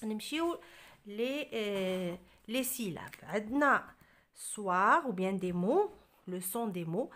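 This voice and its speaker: A woman's voice: mid-range voice, lively intonation, fairly bright tone, a little hiss or hum. Patient Algerian woman tutoring. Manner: patient, spells and repeats words slowly. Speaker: tutor reviewing a French textbook with a child. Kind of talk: home tutoring, French and Arabic mixed.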